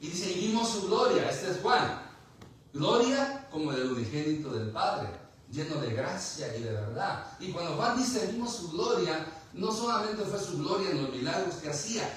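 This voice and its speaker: A man's voice: high-pitched, big pitch swings, moderate pace, a little hiss or hum. A man preaching a sermon, asking the congregation questions and mixing in light humor. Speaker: pastor. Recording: echoey room from far off.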